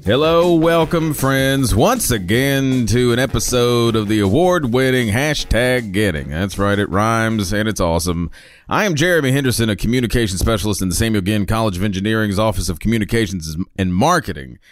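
A man's voice: lowish voice, a little fast, faint music behind. A man hosting a podcast in a playful, jokey casual chat, hamming up his lines. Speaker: podcast host.

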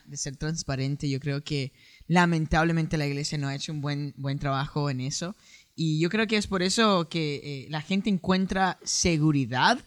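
A man's voice: on the high side, a bit bright, no echo. Talkative male podcast co-host, dry sound. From born in Puerto Rico, Chilean parents. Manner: hesitant, many fillers, laughs easily. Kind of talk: casual chat.

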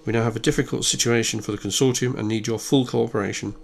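A man voicing a well-educated businessman who speaks in a formal, clipped, quick way. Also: medium pitch, fairly even intonation, creaky, slight background noise, close to an everyday voice. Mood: coldly firm. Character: polished, well-educated businessman, cold and firm.

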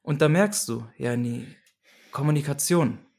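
A young man in an interview talking candidly about his own life. His delivery is earnest and searching, with frequent restarts and repetitions as he works his way toward what he means. His voice sits at a middle pitch. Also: measured pace, gravelly, darkish tone. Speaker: guest. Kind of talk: candid personal storytelling.

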